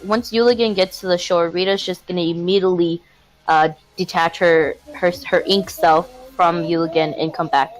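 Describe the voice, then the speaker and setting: A woman's voice: fairly low pitch, steady tone, normal speed, soft background music, low-quality recording. A woman playing a tabletop game, describing her character's actions hesitantly with many fillers. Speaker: player. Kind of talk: casual tabletop play.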